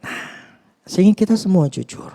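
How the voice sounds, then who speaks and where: A man's voice: high voice, animated, moderate pace, gravelly, mellow. A male pastor giving a conversational, earnest sermon, often hesitating and restarting with fillers. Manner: earnest, confessional.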